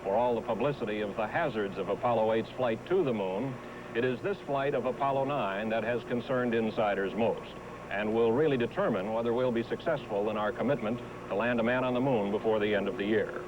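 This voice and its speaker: A man's voice: on the low side, a little fast, lo-fi sound. An American man reading a scripted television news report as a correspondent. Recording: noisy vintage 1960s TV broadcast, hum.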